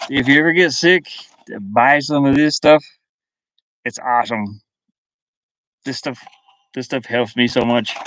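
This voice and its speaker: This is a middle-aged livestream host in a van, casually chatting with his viewers and muttering to himself in brief, broken bits. His voice sits in the mid range and sounds a bit bright. The webcam captures poor audio with slight background noise.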